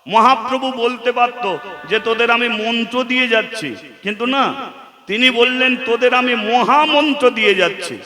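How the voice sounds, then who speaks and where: A man with a Bengali accent preaching a devotional sermon, slow and emphatic, breaking into chanting. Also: very high-pitched, sharp tone. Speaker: kirtan singer and preacher. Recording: echoey hall with music behind.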